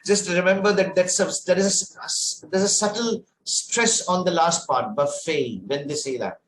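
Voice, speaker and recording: A man tutoring English in an online lesson, his voice sitting a bit high for a man. He praises readily and explains carefully, circling back and restarting. The sound is roomy and echoey, with a faint hiss underneath. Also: lively intonation, fairly bright tone. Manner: encouraging, teacherly, explains slowly with restarts.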